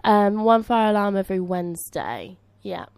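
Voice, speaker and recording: A young woman from England co-hosting a casual podcast, laughing often and answering with quick agreement. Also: mid-range voice, very animated, a little mellow, clear, resonant tone, no room sound. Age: young adult. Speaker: podcast co-host. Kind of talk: casual chat.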